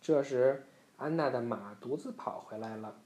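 A man reading a bedtime story aloud to a child in a gentle, steady narrating voice. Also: medium pitch, normal speed. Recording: roomy echo.

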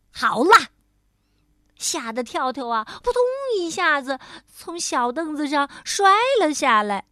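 A woman with a high voice reads a bedtime story to a small child at an unhurried pace. She is gentle and turns to speak to the little listener directly. The sound is dry and close. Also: no echo.

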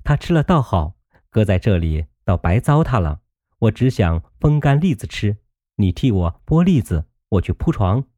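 A man voicing a young maid who is gentle but sharp-tongued, coaxing and teasing in a storybook reading. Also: fairly low pitch, very animated, normal speed, no echo.

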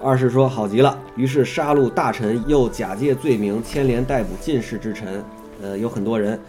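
A man's voice: medium pitch, moderate pace, mellow, soft background music. A man reading a classical history text aloud, stopping now and then to ask questions and add his own comments.

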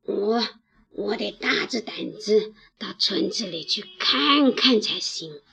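A woman's voice: medium pitch, lively intonation, takes it slowly, vocal fry, pushed and bright, voice pushed down, full character voice. Woman doing a hungry big bad wolf. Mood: hungry, hesitant. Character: hungry big grey male wolf, weak and hesitant.

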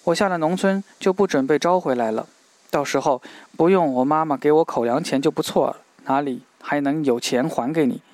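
A man's voice: fairly high pitch, brisk, darkish tone, dry recording, close to an everyday voice. A man reading the lines of a proud, stubborn young woman who answers curtly.

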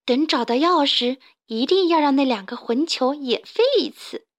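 Woman doing a cross little chick girl, squeaky high, yelling in a kids' story. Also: animated, moderate pace, no room sound. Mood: vengeful. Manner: shouting, indignant. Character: fiery young hen chick, angry and bossy.

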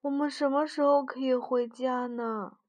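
A woman voicing a small, excitable young male frog in a storybook, eager and pleading, turning whiny when tired. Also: high voice, moderate pace, pitched above the performer's own voice, natural voice.

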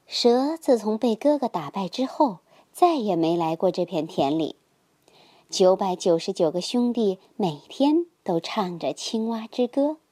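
A woman narrating a children's bedtime story in a gentle, sing-song manner. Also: mid-range voice, no room sound.

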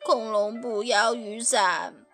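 A woman voicing an excited little boy dressed as a dinosaur in a storybook, talking high and eager. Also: slow pace, faint music behind. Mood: sulky.

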